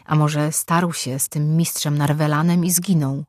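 A woman reading a fantasy audiobook in a calm, measured way. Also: low-pitched, no room sound, studio quality. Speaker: audiobook narrator. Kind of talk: scripted audiobook narration.

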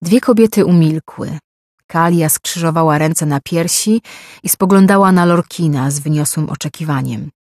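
A steady audiobook narrator reads at an even pace in a mid-pitched voice. The recording is dry and close, with no room sound. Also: moderate pace, dry recording. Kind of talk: scripted narration.

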